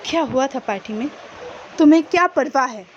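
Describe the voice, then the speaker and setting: A woman voicing a hurt young man who pleads softly and sounds close to tears, in a fan-fiction story retelling. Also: extremely high pitch, expressive, brisk, muffled recording, slight background noise. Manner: soft, pleading, near tears.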